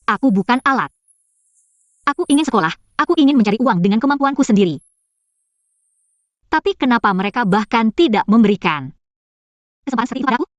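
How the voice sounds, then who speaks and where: A woman's voice: a little high, dry recording, muffled recording, lightly acted. A young actress dubbing a hurt village woman in a short drama, emotional and tearful as she pleads. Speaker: lead actress.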